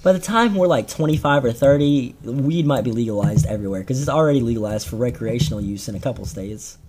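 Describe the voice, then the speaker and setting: A man's voice: medium pitch, fast, very noisy. A teenage man telling a rambling, slangy story on a casual podcast, with lots of fillers and restarts. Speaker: podcast co-host.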